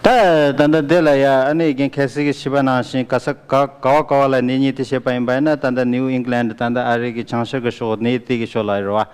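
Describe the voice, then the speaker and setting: A man interpreting a biology lecture for students, beginning each turn with a quick affirming "aha.". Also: medium pitch, flat delivery, a little mellow. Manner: brisk, with frequent affirming "aha". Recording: smooth voice in a long-reverb hall.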